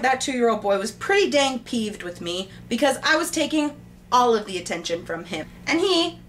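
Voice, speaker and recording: A woman vlogger telling a childhood story to camera in a bubbly, excitable, self-mocking way. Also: on the high side.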